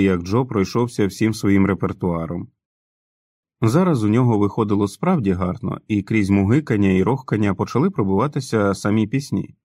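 Guy narrating an audiobook, lowish voice, dry booth sound. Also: no room sound. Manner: expressive reading with acted dialogue. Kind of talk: scripted narration.

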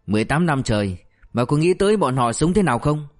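A man's voice: fairly high pitch, big pitch swings, fast. A man doing a raging, merciless cop. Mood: furious. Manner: shouting abuse, harsh and relentless. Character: ruthless male police officer berating a suspect.

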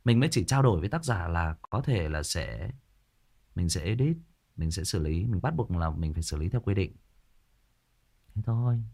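A Vietnamese man from Thai Nguyen in northern Vietnam hosts a ghost story channel and chats emphatically with his listeners. His voice sits low with a darkish tone, expressive and moderately paced, and he pauses often.

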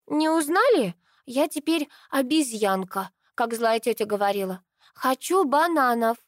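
A woman's voice: fairly high pitch, animated, measured pace, no room sound, clean studio sound, voice pushed up. A woman voicing a cheeky little girl who thinks she is a monkey, in a chirpy, childish, squealing manner, as an audiobook character voice.

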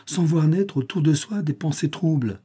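A man's voice: a little high, moderate pace, warm tone, breathy edge, voice pushed up. A man voicing a distressed young noblewoman in a read-aloud story, pleading and impassioned. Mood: exasperated.

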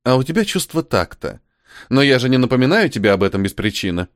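A man playing a sharp-tongued young woman archer, slightly raised in pitch and curt. She snaps back with dry sarcasm, heard close and dry like an audiobook. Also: big pitch swings, fast talker, dry recording, lightly acted. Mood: sarcastic.

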